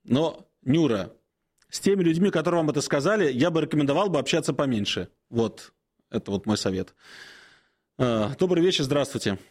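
A man in his forties, an Orthodox priest on a call-in show, answering questions slowly with many hesitant pauses and gentle advice. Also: on the high side, lively intonation. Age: 40s.

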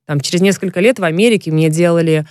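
Speaking fast in a low, slightly mellow voice, a woman who once played professional basketball shares long, candid career stories as an interview guest. The talk is casual and reflective, and the studio sound is clean with no room noise.

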